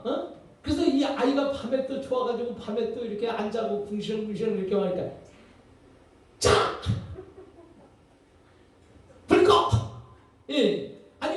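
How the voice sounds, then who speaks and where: A man's voice: very high-pitched, darkish tone. A man giving a lecture on parenting, talking conversationally and quizzing his listeners with rhetorical questions. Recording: echoey hall from far off.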